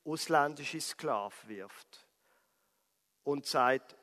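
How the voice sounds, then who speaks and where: High-voiced Swiss German preacher. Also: male voice, slow. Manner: lively storytelling, dramatic emphasis. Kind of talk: sermon retelling a Bible story. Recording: reverberant hall.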